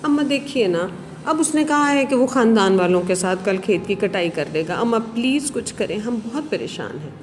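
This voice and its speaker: A woman's voice: mid-range voice, animated, slight background noise, lightly acted. A woman voicing young bird chicks who anxiously plead with their mother. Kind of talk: storybook character voice.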